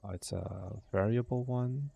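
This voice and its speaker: A young indie game developer whose first language is Dutch thinks aloud on a casual livestream, muttering to himself, trailing off and swearing now and then. His fairly low voice is unhurried, husky and dark-toned, with vocal fry.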